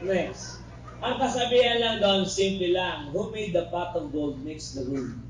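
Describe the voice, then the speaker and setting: A man's voice: high voice, measured pace. Middle-aged male lecturer, echoey and distant. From Philippines. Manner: joking asides, keeps checking in with the class. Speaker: criminology review lecturer. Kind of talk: classroom lecture. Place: classroom. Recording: echoey room recorded from far off, faint background noise.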